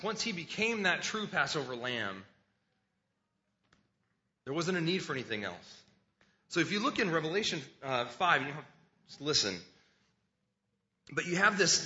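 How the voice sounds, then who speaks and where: A man's voice: medium pitch, bright, forceful tone, muffled recording. A man preaching a sermon in an earnest, conversational way, reading scripture aloud and often restarting his words.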